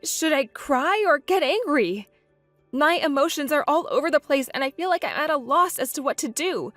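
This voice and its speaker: A woman's voice: high-pitched, lively intonation, moderate pace, fairly bright tone, no echo, soft background music. A woman voicing a hurt, indignant young bride in a text-message story, speaking in an upset, pleading way.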